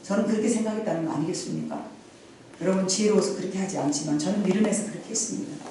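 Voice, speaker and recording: A middle-aged woman pastor preaches a sermon in a church sanctuary, her warm, mid-range voice racing along. She builds to emphatic swells and falls back into confiding storytelling, captured far from the mic in a very echoey hall with slight background noise.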